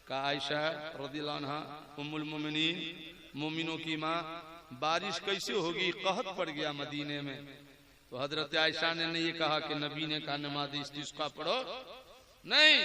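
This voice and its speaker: High-voiced male preacher before a crowd. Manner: addresses the crowd, asks them questions and calls for responses. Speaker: Islamic preacher. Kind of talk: sermon. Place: large outdoor gathering. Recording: live with audible crowd.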